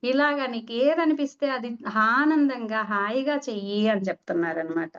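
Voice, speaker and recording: A woman with a somewhat high voice leads a spiritual talk as a meditation teacher. She speaks conversationally and slips into short acted exchanges. The recording sounds dull and lo-fi. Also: normal speed, a bit bright. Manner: conversational, acts out little dialogues.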